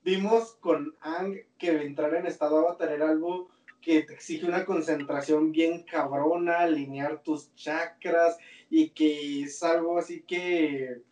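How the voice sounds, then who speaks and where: A man's voice: on the high side, steady tone, measured pace, a little mellow, far from the mic. A man with a Mexican Spanish accent, co-hosting a casual chat, talking in slang and often restarting his sentences. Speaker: podcast co-host. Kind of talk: casual chat about a cartoon series. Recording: roomy sound, set back from the mic.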